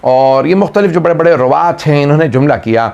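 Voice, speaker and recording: High-voiced male cleric preaching. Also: creaky, a little mellow. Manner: emotive storytelling preacher, drawn-out recitation. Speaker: Shia cleric. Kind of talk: Muharram majlis sermon with lament.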